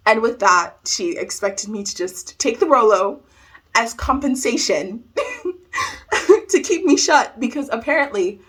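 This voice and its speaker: A young adult woman vlogger telling a personal storytime in an animated way, laughing often. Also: fairly high pitch, a little slow, breathy edge. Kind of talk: storytime vlog.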